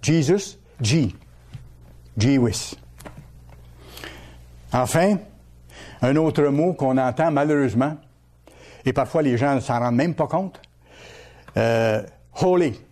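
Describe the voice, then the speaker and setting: In this teaching sermon, a male pastor talks slowly with long pauses, his voice warm and mellow at an ordinary pitch. Key words come back again and again, and he frequently poses questions to the congregation.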